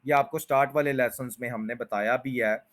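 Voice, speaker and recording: A man teaching English pronunciation, patiently explaining and slowly repeating each word with drawn-out stressed syllables. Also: medium pitch, steady tone, a bit bright. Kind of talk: spoken lesson.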